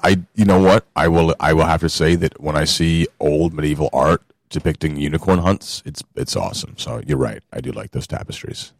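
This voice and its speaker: A man's voice: very deep voice, brisk, few pauses, no room sound, studio quality. A man in casual chat, musing aloud and trailing off mid-thought.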